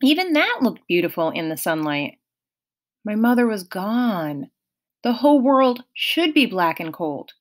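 Slow, expressive woman reading aloud. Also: mid-range voice. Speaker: audiobook reader. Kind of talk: first-person novel narration.

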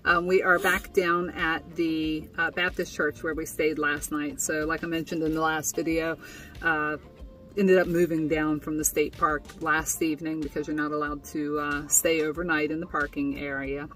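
A woman's voice: low-pitched, level tone, moderate pace, fairly bright tone, distant mic, soft background music. A young woman recapping her day in a casual vlog from inside a tent, chatty and full of fillers. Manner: chatty, with frequent fillers and laughs. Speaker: vlogger. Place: inside a tent, small and indoors.

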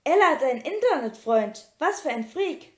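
Shrill, sneering teen stepsister girl in a storybook reading, high and loud, as a woman reader plays her. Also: moderate pace, close to an everyday voice. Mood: scornful shrieking. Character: mean shrieking teenage stepsister girl. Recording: roomy echo.

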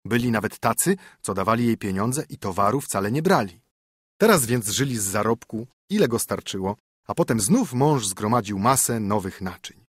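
A man narrating a fairy tale audiobook in a measured storytelling manner, close to a studio microphone. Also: on the low side, lively intonation, breathy edge, dry recording.

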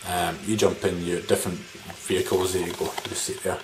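A collector vlogger with a low voice talks casually and a little fast about his latest game pickups, his tone level. He rambles informally with some mild swearing, filming indoors in a small living room where background noise and room ambience fill the recording.

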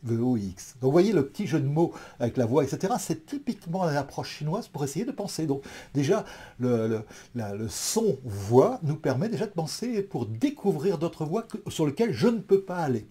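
A man's voice: on the high side, sing-song, moderate pace, dark tone, breathy edge. A man teaching a spoken lecture, thoughtful and full of fillers, leading his listeners through imagined scenes.

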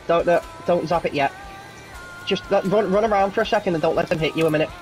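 A man's voice: sits high, faint music behind. Sweary young man gaming. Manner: swears a lot, gives quick directions. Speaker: gamer. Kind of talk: casual gaming chat.

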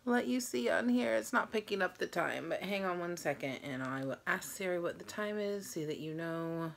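A woman in her thirties hosts a casual vlog and sounds tired. Her voice sits on the low side and has a gravelly fry in it. She talks conversationally to the camera. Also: moderate pace, slight background noise. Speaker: host of a challenge video. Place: small room at home.

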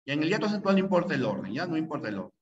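A pre-university language teacher from Peru lectures a class in a slightly high, sing-song voice, racing along with a crowd audible behind him. He repeats the key rules over and over, drilling students and asking frequent checking questions. The room is echoey, the mic distant, the sound dull.

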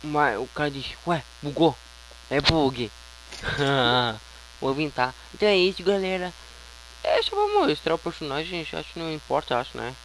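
Very animated at a moderate pace, a Brazilian man provides slangy gameplay commentary for his YouTube channel, frequently muttering under his breath. His voice is slightly high, captured in a noisy home setup with electrical hum.

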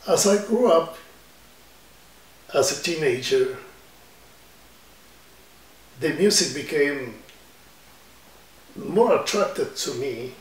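Slow-talking older man from Ecuador. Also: on the high side, expressive. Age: 70s. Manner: slow, reflective storytelling with hand gestures. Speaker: musician. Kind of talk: oral history interview. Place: indoor room with guitars on the wall. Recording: roomy sound from a distant mic.

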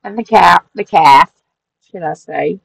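A husky, lowish voice with vocal fry belongs to a middle-aged crafting channel host leafing unhurriedly through her handmade journal at a craft-room table. Her narration is relaxed and wandering, peppered with fillers and self-corrections. The recording is low quality, with no echo.

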